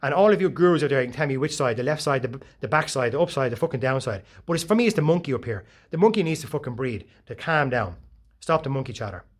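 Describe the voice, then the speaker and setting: A man, giving a casual, profane motivational talk full of animated storytelling. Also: mid-range voice, quick pace. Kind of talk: casual monologue.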